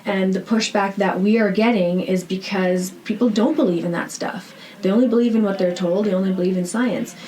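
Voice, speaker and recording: A woman with a Canadian accent, a podcast guest who founded a rehab centre, answers interview questions in a conversational, earnest, emphatic way, often checking her points with "right?". Her voice is mid-range, mellow and fairly quick, with fairly even intonation. The audio is poor, with noticeable background noise.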